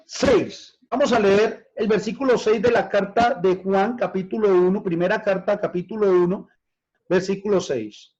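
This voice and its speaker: High-voiced man teaching scripture, lo-fi. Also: a little mellow. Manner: addresses listeners directly as brothers, asks questions; stretches key words slowly for emphasis. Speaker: pastor. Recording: dull lo-fi recording.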